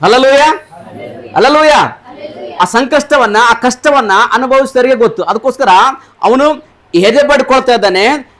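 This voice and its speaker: A man's voice: extremely high pitch, animated, moderate pace, long pauses, fairly bright tone. A man preaching a sermon, asking the congregation questions and repeating their answers. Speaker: pastor. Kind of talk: sermon with call-and-response.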